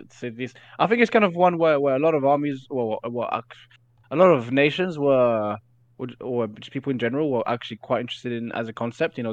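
A man's voice: medium pitch, highs cut off. A man with a mid-range voice talks as a podcast guest, working through game tactics with lots of ums and false starts. The sound is dry and close, with no room echo. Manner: hesitant, many fillers and restarts, analytical. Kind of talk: casual gaming podcast chat.

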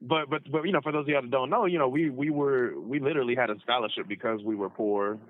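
A man's voice: medium pitch, quick pace. A man calling in over a prison phone line, chatting casually in a loose, slangy way and repeating his phrases as he goes. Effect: inmate calling in over a prison phone line. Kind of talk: casual chat.

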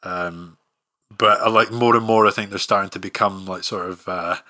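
Male podcast host, lowish pitch, forceful bright tone, loose rambling chat. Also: normal speed. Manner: relaxed, rambling with many fillers.

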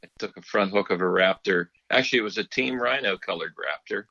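A middle-aged man calls in on speakerphone, his low voice gravelly with fry and dulled by the phone line. He is a fishing guide who talks in an easygoing, folksy way, with a dry close sound and no room around him. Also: brisk, bright, forceful tone, dry recording. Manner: easygoing, folksy, laughs often. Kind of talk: casual podcast chat.

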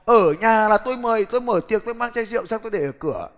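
Middle aged guy giving a business seminar, pretty high voice, talks blunt and lively, lots of hall echo. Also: rapid-fire. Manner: lively, blunt, challenges the audience directly. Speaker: seminar speaker. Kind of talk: motivational business seminar talk. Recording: long hall reverb.

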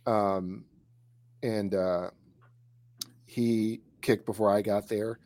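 A man's voice: lowish voice, steady tone, very slow, a little mellow, dry recording. A man telling a story in a casual chat, with many fillers and restarts. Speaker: co-host recalling high school kicking.

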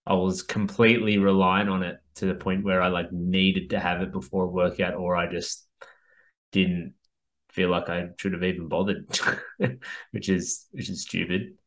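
A man's voice: sits low, flat delivery, normal speed. An Australian man hosting a podcast in casual chat, with a laid-back, understated way of talking. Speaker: podcast host. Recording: roomy, echoey sound.

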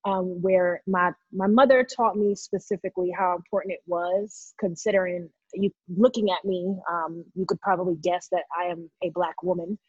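A woman in her thirties from New York City, a guest in an interview, talking loudly and passionately about herself. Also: on the low side, fairly even intonation, moderate pace, hardly any pauses, husky, no echo, highs cut off. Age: 30s. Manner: loud, outspoken, passionate. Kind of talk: casual interview talk.

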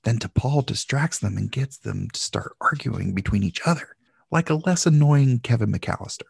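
A man's voice: mid-range voice, animated, moderate pace, creaky, slightly rough, no echo. A man hosting a podcast, chatting casually and recapping an episode in a loose, jokey way. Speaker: podcast host.

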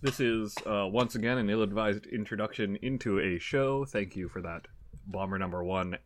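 A man's voice: fairly low pitch, moderate pace. A man co-hosting a podcast, introducing the show with playful, sarcastic banter. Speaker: podcast co-host. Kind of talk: casual chat.

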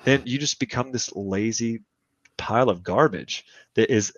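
This is casual, conversational podcast talk from a guest, a man in his thirties who rambles emphatically and holds strong opinions. He has a medium-pitched voice at a moderate pace, captured without echo in dull, dry lo-fi sound.

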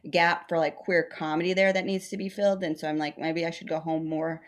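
Woman, thirties, from Texas, comedian, casual interview storytelling, self-deprecating, slightly low voice. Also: fairly quick. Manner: chatty, self-deprecating, animated retelling. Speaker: stand-up comedian.

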